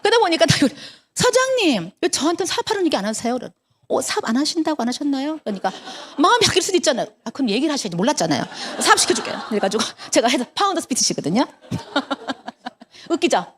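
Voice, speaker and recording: Woman, 50s, Busan-area Korean accent, high and animated motivational speaker with a quick tempo. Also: slight background noise. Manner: animated storyteller acting out dialogue. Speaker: network marketing business leader. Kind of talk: motivational talk to an audience.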